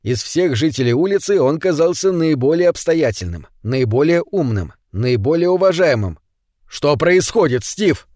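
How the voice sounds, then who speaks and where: Man reading a story aloud, lively expressive narration, dry close mic. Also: on the high side, normal speed, few pauses, no echo. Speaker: audiobook reader. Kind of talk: scripted narration.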